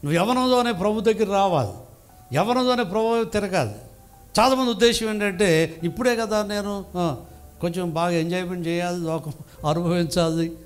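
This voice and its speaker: A man's voice: high voice, fairly quick, faint music behind. An older man preaching a sermon in a church, emphatic and full of rhetorical questions to the congregation. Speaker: pastor.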